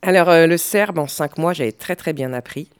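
A woman's voice: low voice, moderate pace, smooth, dry recording, clean studio sound. A middle-aged woman speaking as an interview guest, in a hesitant way with frequent fillers and restarts. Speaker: guest, language specialist. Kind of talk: conversational interview.

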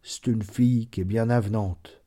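A man voicing a shy, dazed young peasant man who stammers in a hushed voice. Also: on the low side, animated, slow pace, breathy edge, exaggerated voice. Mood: calm.

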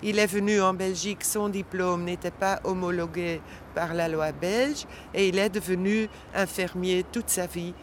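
High-voiced, slow-talking man. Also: fairly even intonation, a little hiss or hum. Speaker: commentator. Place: outdoors at a city station.

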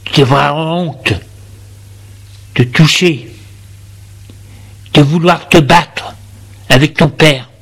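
An enraged, overbearing father berates his son with scorn, each word heavy and slow, as a man reads him out. The voice sits a little high for a man and stays harsh throughout. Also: fairly bright tone, slightly rough, full character voice. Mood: furious. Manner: harsh, scolding, contemptuous. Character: furious, domineering middle-aged father.

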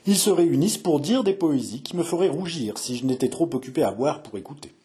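A man's voice: fairly high pitch, expressive, fast talker, dark tone, natural voice. A man doing a cheerful young serving lad. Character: young innkeeper's servant Lubin, cheerful and simple.

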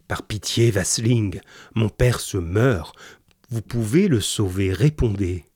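Man voicing a desperate young sailor, husky and low, storybook reading. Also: takes it slowly, darkish tone, no echo, studio quality. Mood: pleading. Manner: pleading then grim.

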